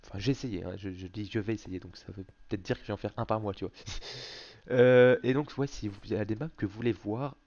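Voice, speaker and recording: Male gaming host, casual commentary, excitable and foul-mouthed, muffled home mic. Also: lowish voice, fast. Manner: excitable, swears often.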